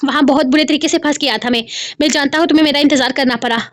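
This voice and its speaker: A woman reading aloud as a worried young husband, pleading and soothing in a quick voice. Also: high-pitched, steady tone, a bit bright.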